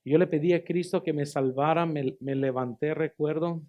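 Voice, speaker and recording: Emphatic pastor preaching. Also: male voice, fairly high pitch, fairly even intonation, moderate pace, darkish tone, lo-fi sound. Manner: emphatic storytelling, addresses listeners as brothers; repeats and restarts phrases for emphasis. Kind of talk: sermon testimony.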